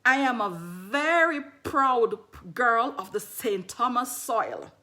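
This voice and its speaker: Lively Jamaican woman on a livestream. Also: fairly high pitch, takes it slowly. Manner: greets viewers mid-sentence, repeats phrases, animated. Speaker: herbalist selling skincare on a livestream. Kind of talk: casual livestream chat.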